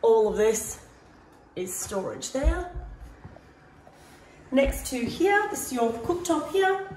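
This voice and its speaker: Taking it slowly, this prize home presenter has a high, slightly mellow voice with big pitch swings as she cheerfully points out features while walking through a large empty modern house and onto its deck. Filmed by a handheld camera trailing at a distance, her voice sounds somewhat distant in echoey rooms, with a little hiss or hum.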